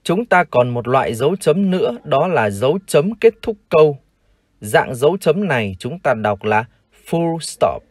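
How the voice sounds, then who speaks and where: A Vietnamese man teaching English, who reads each word slowly and repeats it for learners to copy. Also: fairly high pitch, sing-song, no room sound, studio quality. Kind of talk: vocabulary lesson, slow model pronunciations.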